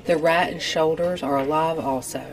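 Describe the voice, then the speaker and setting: A woman plays a tough underworld dame in a 1930s radio gangster story. Her voice sits low, and she is direct and no-nonsense. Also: steady tone, moderate pace, rough recording. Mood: stern, probing. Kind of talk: gangster radio drama acting.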